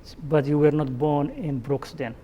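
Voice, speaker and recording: A man's voice: on the high side, steady tone, moderate pace, dark tone, slight background noise. A male host asking guests questions in an interview, with frequent short acknowledgements. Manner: asks friendly questions with short backchannels. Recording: reverberant room.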